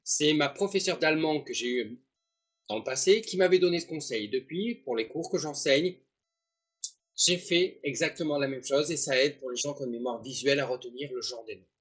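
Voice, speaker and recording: A man's voice: mid-range voice, normal speed, breathy edge. A man giving a casual, joking online lesson, with rambling asides to his viewers. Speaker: German teacher.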